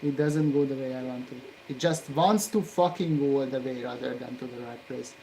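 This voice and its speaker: A hobbyist maker muttering and cursing angrily at his work while soldering, with low grumbling broken by sudden loud outbursts. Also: normal speed, slight background noise, poor audio.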